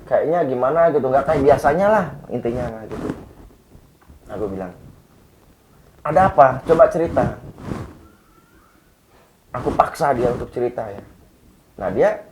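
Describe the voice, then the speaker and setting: A man's voice: mid-range voice, normal speed, background noise. A man casually recounting a ghostly experience with a friend, acting out the dialogue as he tells it. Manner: conversational, acts out quoted dialogue with a friend. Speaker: storyteller guest.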